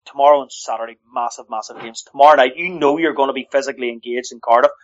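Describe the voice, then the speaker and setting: Emphatic hockey pundit, dull sound. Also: male voice, mid-range voice, fast. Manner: emphatic, repeating points for force. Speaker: hockey commentator. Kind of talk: casual sports chat.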